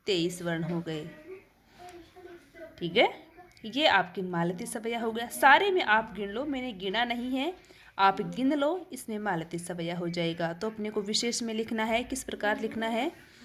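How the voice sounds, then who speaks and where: A woman's voice: mid-range voice, animated, a little slow, a bit bright. A woman teaching a Hindi verse-meter lesson, counting syllables aloud and answering her own questions.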